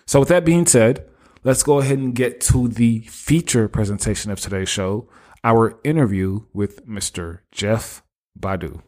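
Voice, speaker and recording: A man's voice: on the low side, measured pace, darkish tone. A man hosting a podcast, chatting casually and enthusiastically about business models before introducing his guest. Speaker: podcast host.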